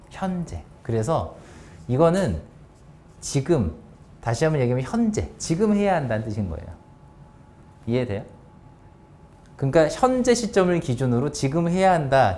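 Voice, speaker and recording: A man teaching an English grammar lesson to students, often checking whether they follow and reading example sentences out slowly. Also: medium pitch, a little mellow.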